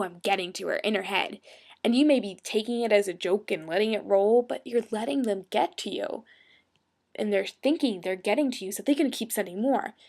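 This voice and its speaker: A woman's voice: on the high side, vocal fry, darkish tone. A woman in her twenties chatting casually in a webcam vlog, talking in a hyper, bubbly way and dropping into whispered asides. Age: 20s. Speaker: role-play blogger.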